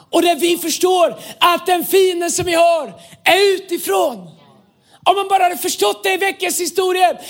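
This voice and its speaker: Man, pastor, very high voice, fervent sermon, shouted peaks, mixes in English phrases. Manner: impassioned preaching, often raised to a shout; sprinkles English phrases into his talk.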